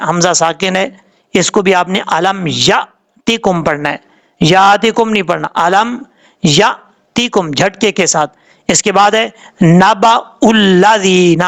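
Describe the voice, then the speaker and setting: A man teaching Quran recitation rules, patiently going letter by letter and slowly drawing out each word he demonstrates. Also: high-pitched, creaky, a bit bright. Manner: slowly draws out sounds when demonstrating words. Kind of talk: tajweed lesson explaining pronunciation rules.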